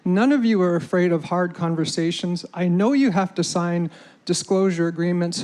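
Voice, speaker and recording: A man's voice: high voice, darkish tone. A man making a public comment at a shareholder meeting, urging and challenging the audience. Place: hotel meeting hall.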